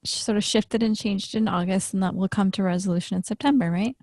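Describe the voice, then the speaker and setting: A woman's voice: mid-range voice, steady tone, fast, darkish tone, dry recording, studio quality. A woman hosting a podcast, listening eagerly and asking follow-up questions in a casual chat. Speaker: podcast host.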